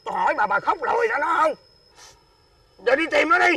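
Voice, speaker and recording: An actor with a Southern Vietnamese accent playing a hot-tempered father who scolds his wife in loud bursts. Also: extremely high pitch, animated, recorded from a distance, exaggerated voice. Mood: scolding. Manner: scolding, shouting, fast bursts. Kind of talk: TV fairy-tale drama acting.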